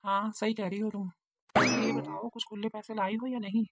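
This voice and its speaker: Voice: mid-range voice, little pitch movement, moderate pace, heavy background noise, natural voice. A performer voicing a patient adult husband in a cartoon, reasoning and mildly chiding his wife. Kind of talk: cartoon voice acting.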